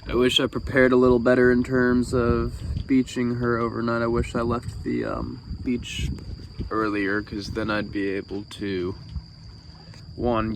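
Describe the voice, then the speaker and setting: Worn out young guy talking real slow on his boat at night, rambly, noisy outdoor phone audio w/ water and crickets. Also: on the low side, vocal fry. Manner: tired, slow, rambling with fillers and swearing. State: sleep-deprived. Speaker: vlogger. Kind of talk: casual vlog narration. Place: small sailboat anchored by an island at night, outdoors. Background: water, boat sounds and crickets.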